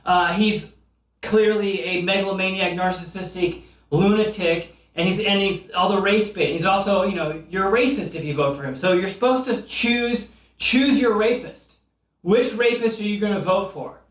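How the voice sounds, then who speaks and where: A man's voice: high voice, normal speed, a bit bright, echoey room, distant mic. A middle-aged man hosting his own comedy show, ranting in a rambling, profane, mock-earnest monologue. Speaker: comedian host.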